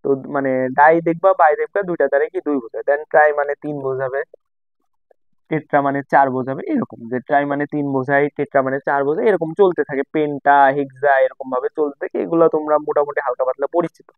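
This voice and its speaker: Young man, tutor, casual lesson, repeats himself, fast, tinny phone-like sound. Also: a little high, fairly even intonation, no room sound. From Bangladesh. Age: young adult. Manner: conversational, repeats and rephrases points.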